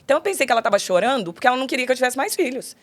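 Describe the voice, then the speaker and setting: A middle-aged woman with a Brazilian accent, a podcast host and pastor, telling a personal story in an animated way and acting out the dialogue. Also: high-pitched, racing. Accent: Brazilian Portuguese. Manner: animated, acts out quoted dialogue.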